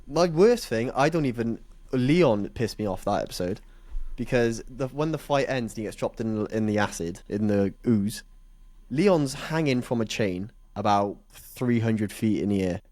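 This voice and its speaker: A man in a casual movie review chat, telling things in an animated, mocking way. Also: mid-range voice, moderate pace, no echo. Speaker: podcast co-host.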